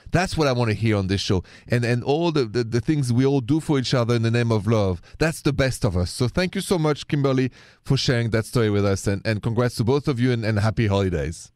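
A man hosts a call-in radio show and speaks in a warm, effusive and encouraging way. His voice sits at an ordinary pitch. He is on a close studio mic with a dry sound. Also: fairly quick, no echo.

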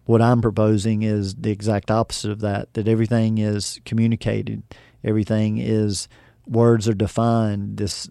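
A man's voice: fairly low pitch, creaky, mellow, clear, resonant tone, no echo, studio quality. A man talking on a podcast, explaining ideas in a reflective way with frequent fillers and acted-out remembered conversations. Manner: acts out remembered dialogue. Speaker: podcast guest teacher. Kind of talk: casual podcast talk.

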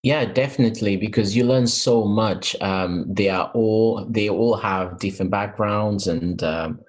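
Speaking at a measured pace in a lowish voice, this male interview guest hesitates a lot, full of fillers and restarts. He's a mentor from Portugal and Africa, giving interview answers in England.

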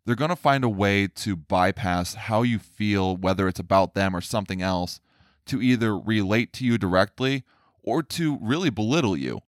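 Deep-voiced man talking earnestly. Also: animated, normal speed, no room sound, clean studio sound. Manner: earnest, mimics others in a higher voice. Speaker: speaker on men's emotional health. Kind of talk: casual monologue.

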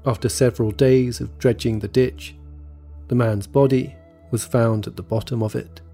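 A man narrating a scripted true story in a measured, even storytelling manner. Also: medium pitch. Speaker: podcast narrator. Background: faint background music.

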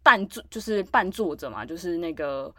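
A woman's voice: lowish voice, lively intonation, normal speed, sharp tone, dry recording. Podcast co-host, woman, dry close sound, loose rambling storyteller. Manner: rambling storytelling with many fillers. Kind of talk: casual chat.

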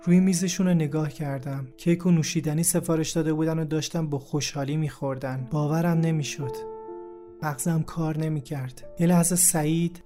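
Mellow-voiced man telling a memoir. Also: fairly high pitch. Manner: steady, reflective storytelling. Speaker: narrator. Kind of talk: first-person memoir narration. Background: faint background music.

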